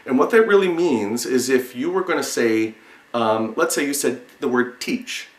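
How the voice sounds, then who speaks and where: A man giving an instructional lesson, explaining step by step in a halting way and repeating single words with pauses. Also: mid-range voice, expressive. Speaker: sign language teacher. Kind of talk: instructional lesson, demonstrating word by word. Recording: roomy, echoing sound.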